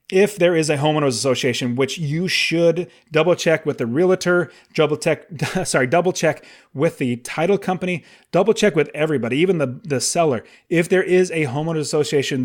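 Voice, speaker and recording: A man in his late thirties hosting a solo podcast, talking in an enthusiastic, conversational way with emphatic asides. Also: fairly high pitch. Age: 30s. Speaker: podcast host.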